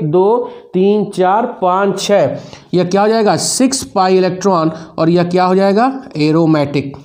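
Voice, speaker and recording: High-voiced Hindi chemistry teacher drilling. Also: male voice, darkish tone. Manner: counts aloud step by step, drills students with questions. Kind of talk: whiteboard lecture.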